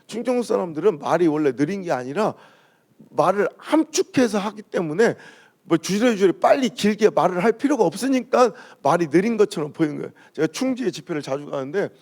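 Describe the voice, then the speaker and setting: A man's voice: high-pitched, a little fast. A man from Chungcheong preaching at a dawn revival service, telling humorous stories and mimicking the way people talk. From Chungcheong, Korea. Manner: storytelling, mimics regional dialogue, lively jokes. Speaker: pastor. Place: church sanctuary.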